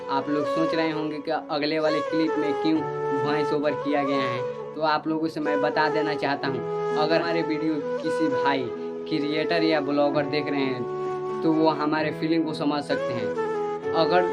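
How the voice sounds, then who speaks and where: A man talking casually to his viewers as a vlogger, addressing them as guys and narrating his day. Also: fairly high pitch.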